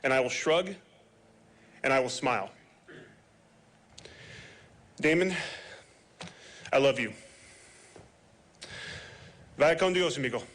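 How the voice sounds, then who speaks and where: A man's voice: mid-range voice, expressive, measured pace, pauses often, a bit bright. A man, a sheriff's sergeant, giving a heartfelt memorial eulogy with moments of humor. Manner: heartfelt, joking at times.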